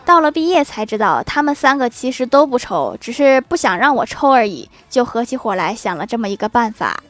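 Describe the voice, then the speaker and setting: A woman's voice: fairly high pitch, sing-song, a little fast. A woman reading out a string of funny anecdotes, adding dry quips and chuckles after the punchlines.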